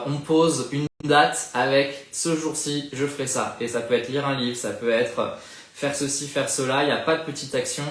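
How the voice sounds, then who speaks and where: A man giving a live oracle card reading, speaking gently and encouragingly to the listener and often pausing to search for words. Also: mid-range voice, echoey room. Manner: thinks aloud with frequent hesitations. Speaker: spiritual card reader.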